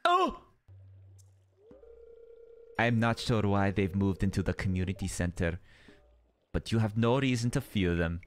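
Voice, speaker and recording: A man voicing a grandiose old male wizard, with solemn, theatrical lines in a deliberately bad mock accent. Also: on the low side, sing-song, bright, forceful tone, pitched below the performer's own voice, exaggerated voice. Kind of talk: reading game dialogue in a put-on voice.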